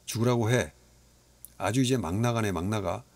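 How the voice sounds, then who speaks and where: Guy doing a friendly chatty dad, low voice, storybook. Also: moderate pace, gravelly. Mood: arguing. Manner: friendly, cheerful. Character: friendly cheerful father, warm to a boy.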